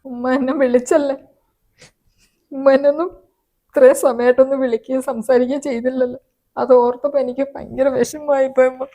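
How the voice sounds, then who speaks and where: A woman acts out a gentle young daughter-in-law, hurt by blame. Her voice is mellow, a bit high and oddly level, soft and pleading. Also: level tone, fairly quick, long pauses, muffled recording.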